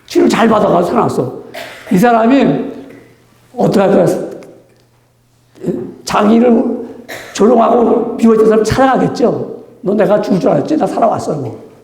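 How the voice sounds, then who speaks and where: A man's voice: sits high, expressive, moderate pace, vocal fry, pauses often, a little mellow. A male pastor giving a conversational sermon, asking rhetorical questions and acting out quotes. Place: church sanctuary. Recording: echoey church room.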